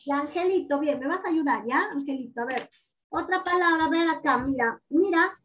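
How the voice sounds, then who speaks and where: A woman teaching a primary school class over a video call, patient and coaxing, drawing out words slowly for the children. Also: high-pitched, fairly bright tone. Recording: dull lo-fi audio, distant from mic.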